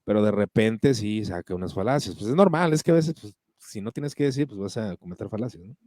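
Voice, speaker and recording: A man with a low, mellow voice, talking casually and hesitating with fillers and restarts. The sound is dry and close, with no room echo. He comes across as a conversation host. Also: animated, brisk. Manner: hesitant, many fillers and restarts, laughs while reading comments.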